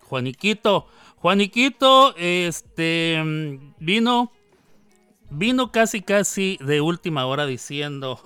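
A man's voice: a little high, very animated, slow, sharp tone, smooth, no echo, soft background music. A male radio host joking and teasing in playful banter on a studio microphone, laughing often.

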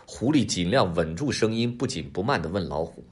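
A man narrating a children's story, expressive and speaking directly to the kids. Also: deep voice, brisk, slightly rough.

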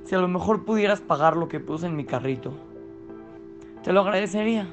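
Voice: mid-range voice, lively intonation, brisk, over music, lightly acted. A storyteller voicing a poor man who nervously stalls at a store checkout. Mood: humble. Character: poor flustered man shopping for a holiday.

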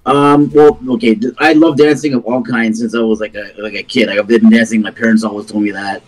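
A man's voice: on the low side, fairly even intonation, brisk, low-quality recording. A man, telling stories as a podcast guest in an informal, rambling way. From Toronto, Canada. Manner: rambling, informal, checks in with "you know what I mean". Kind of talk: casual conversational storytelling.

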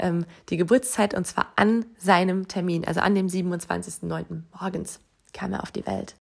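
A young woman, a new mother, telling her birth story in a casual vlog, emotional and often dropping to a soft hush. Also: on the low side, gravelly.

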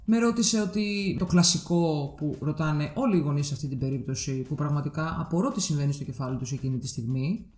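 Thirties woman telling a story casually, kinda low and mellow, roomy echo, soft music behind. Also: hardly any pauses. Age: 30s. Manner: candid storytelling, acts out quoted dialogue. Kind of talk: casual podcast chat.

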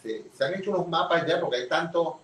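A man with a Puerto Rican accent, an archaeologist guest, explaining in a measured, lecturing way during a conversational interview. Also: fairly high pitch, fairly bright tone. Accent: Puerto Rican Spanish. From Puerto Rico. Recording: roomy, distant mic with faint noise.

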